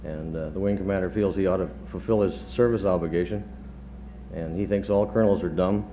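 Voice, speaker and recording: A middle-aged man with a lowish voice gives an after-dinner tribute, pausing often and slipping in dry jokes. He sounds muffled and dull, as on a worn 1970s reel-to-reel tape, with a faint hum underneath. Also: fairly even intonation. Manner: halting, many pauses and fillers, dry humor. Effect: on old worn reel-to-reel tape. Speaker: chief of staff giving a retirement speech.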